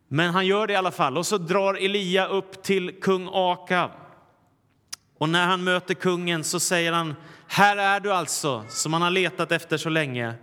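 A male preacher tells the story with theatrical flair, acting out the characters' lines and sinking to a hush for the prayers. His voice sits fairly high for a man. Long reverb trails after his words, as in a big hall. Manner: dramatic storytelling, acts out quoted lines, drops to a hush for prayers. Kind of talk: sermon retelling a Bible story.

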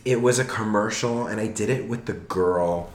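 A man's voice: fairly low pitch, normal speed. A middle-aged man with a Southern California Valley accent, chatting casually in a gossipy, campy way and peppering his talk with "like". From Los Angeles, United States. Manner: gossipy, campy, liberal use of "like". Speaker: podcast guest, actor. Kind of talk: casual chat. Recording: roomy, echoey room sound.

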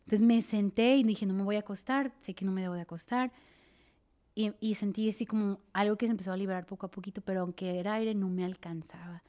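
A woman with a Mexican accent telling a personal story in a casual chat, sinking to a breathy near-whisper in tense parts and acting out others' voices. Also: fast. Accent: Mexican Spanish. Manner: animated, acts out quoted voices louder and higher.

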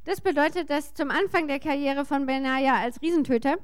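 A high-pitched woman interprets a sermon, speaking in short, informal, somewhat halting phrases.

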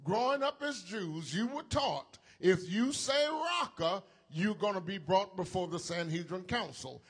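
A male preacher, delivering a sermon in a high voice. He moves at an unhurried, drawn-out pace and leans hard on key phrases. He calls on the congregation to answer back. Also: animated, slightly rough. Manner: slow, emphatic preaching with call-and-response to the congregation.

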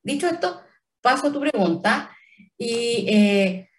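A woman with a Chilean Spanish accent speaks as a trademark office official in an interview. She explains carefully, pausing on fillers and restarting phrases. Her voice sits a little away from the microphone. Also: a little high, animated, recorded from a distance.

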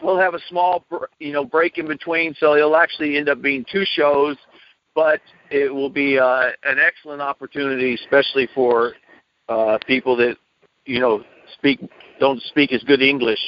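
A man's voice: medium pitch, flat delivery, moderate pace. Male radio host, dull lo-fi sound. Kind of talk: casual hosting chat. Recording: dull lo-fi radio call audio.

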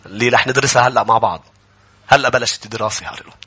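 Bright, husky pastor. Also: male voice, medium pitch, fairly even intonation, very fast. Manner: emphatic, questions the congregation, builds to fervent peaks. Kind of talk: Bible-study sermon.

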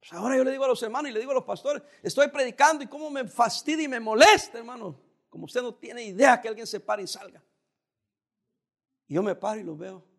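A male pastor preaching a sermon in a calm, conversational way, with occasional emphatic rises. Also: very high-pitched, fast talker, creaky.

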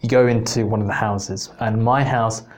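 A man's voice: fairly low pitch, steady tone, moderate pace, a little mellow. A man from England telling a personal story on his podcast in a casual, rambling way, with many restarts. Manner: rambling, many restarts, self-mocking laughs. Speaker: podcast host.

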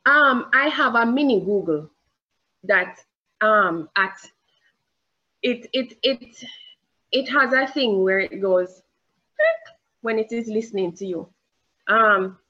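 Preaching in church, a Jamaican-accented woman speaks deliberately and emphatically, lifting her pitch on questions and using fillers as she gropes for words. The mid-range, slightly bright voice comes through with the highs cut off.

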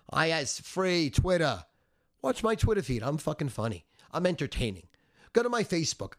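A middle-aged or older man rants through a sales pitch as a sports betting handicapper, sounding smug, cocky, brash and foul-mouthed. He leans heavily on emphasis, and his voice is a bit bright.

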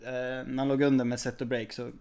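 A man co-hosting a casual tennis podcast, relaxed and hesitant, with many fillers. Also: medium pitch. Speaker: podcast co-host.

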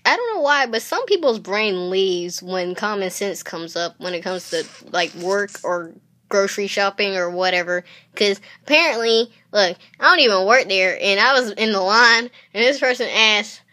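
A woman's voice: medium pitch, expressive, moderate pace, bright, forceful tone. A young woman in a casual chat with a youthful-sounding voice who laughs often. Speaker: podcast co-host.

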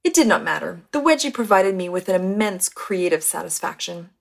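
A woman narrating a first-person memoir as an audiobook in a measured, steady storytelling manner. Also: fairly low pitch, creaky. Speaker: audiobook reader.

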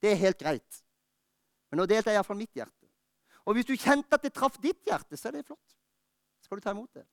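A high-voiced man preaches with fervour, pressing hard and then easing into close, personal words. His tone is smooth and resonant, and the sound is dry and close to the mic, with little room around it. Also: big pitch swings, pauses often, no room sound. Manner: fervent preaching that drops to quiet, intimate talk. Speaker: pastor. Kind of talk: sermon. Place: church.

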